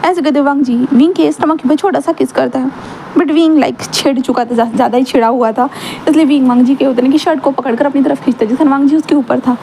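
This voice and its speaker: A woman narrating a fan fiction story in a casual, rambling way, often dropping in English words. Her voice is high and mellow. A faint hiss runs behind her. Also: fast, rough recording.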